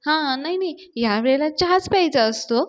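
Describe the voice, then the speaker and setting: A woman's voice: high-pitched, expressive, normal speed, pitched above the performer's own voice. A woman doing a teasing older father-in-law.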